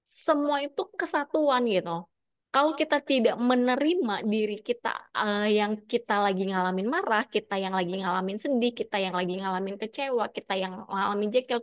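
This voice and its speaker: Soothing woman, a bit distant. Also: fairly high pitch. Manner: gentle, soothing, reassuring. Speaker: holistic health coach. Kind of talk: guided breathing talk. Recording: distant from the mic.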